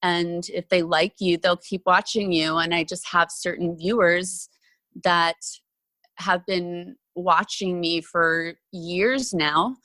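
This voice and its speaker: A woman speaks as a podcast guest in an easy, open, chatty way, often stopping for fillers. Her voice sits on the low side for a woman. The recording is dry and close, with no room sound. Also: steady tone, slow, a bit bright, no room sound. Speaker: podcast guest, actress and former TV reporter. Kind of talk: casual interview conversation.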